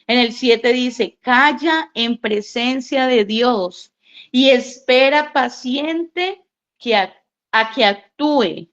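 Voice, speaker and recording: Woman pastor, fairly high voice, slow deliberate sermon delivery, muffled lo-fi recording. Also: a bit bright. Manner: slow, earnest preaching with emphatic repetitions.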